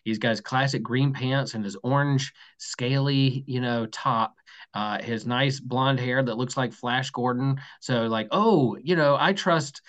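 A man in casual podcast conversation, drifting through his points with plenty of fillers and restarts. He speaks at an ordinary pitch and talks loosely, as if among friends. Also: steady tone, unhurried, fairly bright tone. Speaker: podcast guest. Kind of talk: casual podcast chat about comics.

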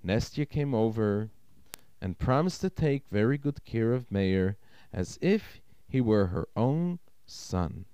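A man who is a rabbi narrates a story in a slow, expressive, dramatic storytelling manner. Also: medium pitch, smooth, no echo.

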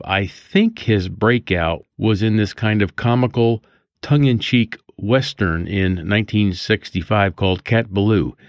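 An older man hosts a casual daily almanac podcast monologue, musing, digressing and chuckling as he reminisces. His voice is fairly low, captured in a dull, dry lo-fi recording with no room sound.

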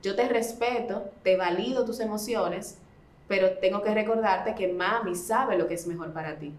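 A woman speaking as a parenting expert guest, explaining in a conversational way and acting out gentle talks with a child. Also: mid-range voice, moderate pace. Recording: roomy echo.

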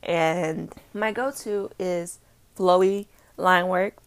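A woman's voice: fairly low pitch, fairly even intonation, slow pace. A woman hosting a makeup podcast in a chatty, rambling way, with playful asides. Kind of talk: casual chat.

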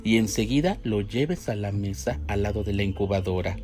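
A man voicing a kind, playful young Japanese nurse in a storybook reading, speaking gently and teasing now and then. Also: fairly low pitch, moderate pace, lightly acted. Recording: faint music behind.

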